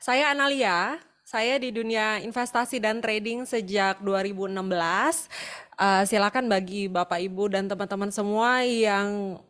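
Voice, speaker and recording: A woman's voice: medium pitch, steady tone, unhurried, a bit bright, clean tone. A woman trading trainer giving a webinar presentation over a video call, speaking in a friendly, conversational way.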